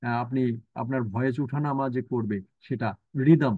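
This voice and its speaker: A man with a Bangladeshi accent teaches a live online class, reading English text aloud and breaking it down in Bengali with frequent fillers. His voice sits at an ordinary middle pitch. The audio is thin and phone-like, with a dry, close sound. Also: steady tone, moderate pace, dry recording. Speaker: university lecturer. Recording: tinny phone-like line, dry.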